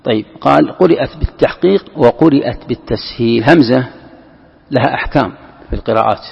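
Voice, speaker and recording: A man's voice: mid-range voice, fast, creaky, breathy edge. A man teaching a Quran commentary lesson, patiently explaining and repeating key terms, often restarting words. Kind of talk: classroom lesson explaining a text. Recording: echoey hall, muffled lo-fi sound.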